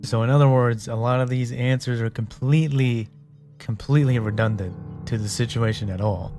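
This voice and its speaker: A man's voice: mid-range voice, fairly even intonation, brisk, over music. A man giving casual, rambling gameplay commentary as he muses aloud. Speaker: gamer.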